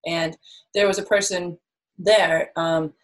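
Low-voiced woman, reflective and rambling. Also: steady tone, slow pace, low-quality recording. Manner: rambling, reflective, with many fillers. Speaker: interview guest. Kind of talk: casual conversational interview.

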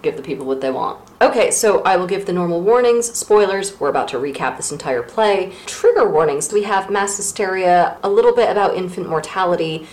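A woman's voice: on the low side, expressive, brisk, few pauses, a little mellow. A woman co-hosting a podcast, teasing and wisecracking as she recaps a play in casual chat. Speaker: podcast co-host.

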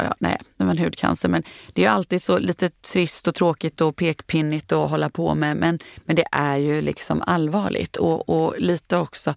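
A woman's voice: deep voice, creaky, a little mellow, no echo, studio quality. A woman co-hosting a casual podcast, talking through a medical topic with many fillers and restarts.

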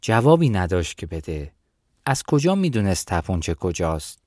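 A man reading a novel aloud in the first person, in a steady storytelling manner. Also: deep voice, dry recording, clean studio sound. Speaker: audiobook narrator.

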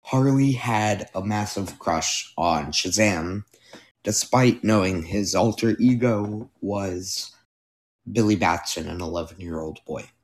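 Trying out a new mic, a young man hosts a casual solo podcast in a low, slow voice that he's in the middle of losing. He wanders from point to point, filling gaps and correcting himself as he goes.

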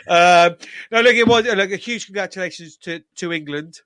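Male podcast host, slightly high voice, close dry sound, casual sports chat. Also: normal speed, fairly bright tone, no echo.

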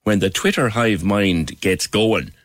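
A man's voice: fairly low pitch, a little slow, a little hiss or hum. A man with a Cork accent hosting a radio talk show in a conversational interviewing style.

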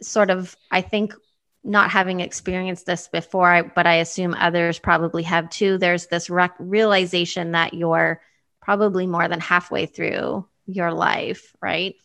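A woman's voice: fairly low pitch, little pitch movement, measured pace, vocal fry, a bit bright. A woman in her fifties, answering interview questions thoughtfully and with some hesitation. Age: 50s. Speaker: guest.

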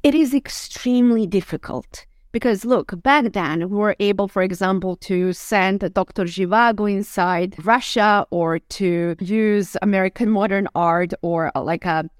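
A woman's voice: mid-range voice, a little slow, few pauses, no echo, studio quality. A woman giving emphatic, insistent answers as an expert guest in an interview. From Eastern Europe. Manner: emphatic, insistent, with frequent "you know" and "like". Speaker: expert guest on propaganda and disinformation. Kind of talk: interview answers, argumentative commentary.

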